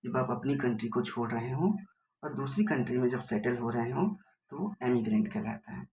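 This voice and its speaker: A man's voice: mid-range voice, animated, moderate pace, darkish tone, a little hiss or hum. A man with an Indian accent teaching an exam-prep vocabulary lesson, explaining patiently, asking rhetorical questions and spelling words out letter by letter.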